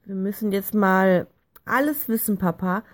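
A woman's voice: medium pitch, measured pace, close to an everyday voice. A woman voicing a kind, magical pig creature who comforts the children, in a storybook reading. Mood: gentle.

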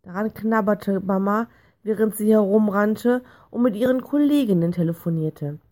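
A woman narrating a children's storybook in a calm, clear reading voice. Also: medium pitch, moderate pace. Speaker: audiobook reader.

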